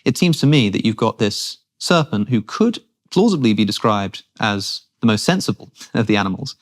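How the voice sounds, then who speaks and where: A man's voice: on the low side, lively intonation, normal speed. A man speaking as a guest in a long-form conversation, thinking aloud earnestly with frequent restarts.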